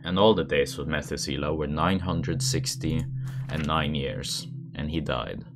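A man reading scripture aloud in a monotone manner. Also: rumbling low, unhurried. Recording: background music under the voice. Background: music.

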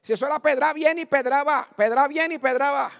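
A male pastor, preaching a fervent Pentecostal sermon through a story that builds to loud exclamations. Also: very high voice, a little fast, creaky. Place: church service.

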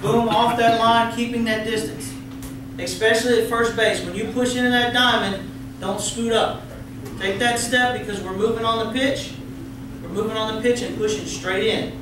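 A man's voice: very high-pitched, steady tone, normal speed, background noise. A middle-aged man with a Texan accent giving a training lecture to umpires in a large meeting room, coaching, asking the room questions and cracking folksy jokes. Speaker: umpire clinic presenter. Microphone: far room camera, no mic seen. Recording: very echoey room from far off.

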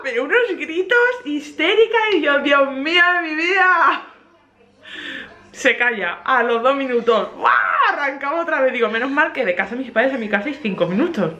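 A young woman from Spain with a Spanish accent, a mother telling a lively anecdote in a casual vlog, laughing as she talks. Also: sits high, fairly quick, hardly any pauses. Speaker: vlogger mother of two. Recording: roomy echo.

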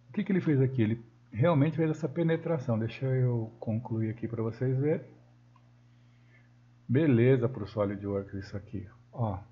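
Brazilian man teaching software, lo-fi sound. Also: mid-range voice. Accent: Brazilian Portuguese. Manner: thinks aloud while working, with frequent self-corrections. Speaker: software instructor. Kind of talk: screen-recorded software tutorial. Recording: dull lo-fi sound.

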